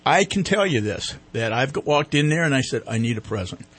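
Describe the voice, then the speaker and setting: A man's voice: medium pitch, big pitch swings, brisk, fairly bright tone, husky. A man hosting a radio show, chatting casually and reading sponsor mentions in an off-the-cuff way. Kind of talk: casual radio chat with live sponsor reads.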